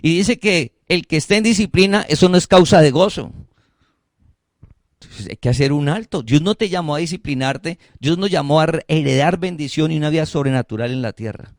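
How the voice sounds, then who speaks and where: A male pastor delivers a sermon with emphatic conviction. His voice sits somewhat high for a man, and the sound is dry and close. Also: fairly quick, no echo. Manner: emphatic preaching that acts out listeners' excuses; addresses congregation as family.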